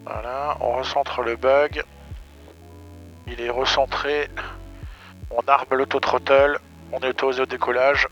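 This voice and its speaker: A man's voice: medium pitch, level tone, unhurried, long pauses, a bit bright. A man vlogging and making radio calls as a pilot, talking over a pilot headset. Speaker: pilot and vlog host. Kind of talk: aviation vlog commentary and radio calls. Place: small aircraft cockpit. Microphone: aviation headset. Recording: dull headset audio with music behind.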